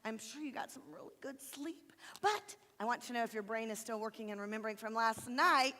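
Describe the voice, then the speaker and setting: A high-voiced woman leads a group of children through a memory verse, encouraging and teacherly, drawing each phrase out slowly. Her voice rings through a reverberant church hall with a long tail. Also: bright, forceful tone. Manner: encouraging, teacherly, slow deliberate recitation. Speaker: children's ministry leader. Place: church sanctuary stage.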